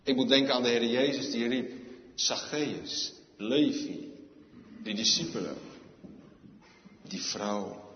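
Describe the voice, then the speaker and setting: A male pastor preaching a solemn sermon, slow and deliberate, swelling into loud emphatic outbursts. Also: mid-range voice, slight background noise. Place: church. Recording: echoey church hall, dull lo-fi sound.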